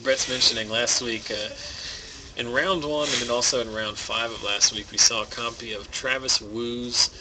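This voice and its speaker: A man giving relaxed, rambling commentary on a card game match, thinking aloud. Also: mid-range voice, moderate pace. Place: game store. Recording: background noise in a game store.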